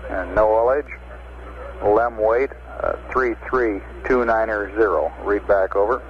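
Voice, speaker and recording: American male mission communicator, lowish pitch, methodical radio calls and readouts, muffled vintage 1960s transmission. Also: measured pace. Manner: clipped, methodical number readouts. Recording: noisy, dull 1960s space radio link.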